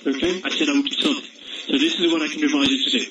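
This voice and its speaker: A man working as a customer support agent who speaks briskly and formally on a phone call. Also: a little high, steady tone. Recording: distant echoey phone line with loud noise.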